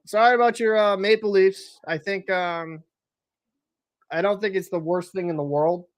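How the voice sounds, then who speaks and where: A man's voice: high voice, fairly even intonation, moderate pace. Chatty man hosting a live watch party. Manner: chatty, joking, answers live chat, loose and rambling. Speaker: livestream host. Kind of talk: casual watch-party chat and commentary.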